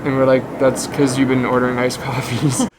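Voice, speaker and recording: A man's voice: medium pitch, flat delivery, fairly quick, noisy background. A young man from Canada chatting casually to camera in a travel vlog, explaining things as he goes. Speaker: travel vlogger.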